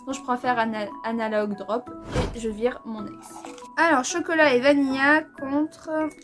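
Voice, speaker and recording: A woman's voice: sits high, fairly even intonation, unhurried, over music. A young woman from France chatting casually and enthusiastically in a manga vlog, using a lot of slang. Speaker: manga vlogger.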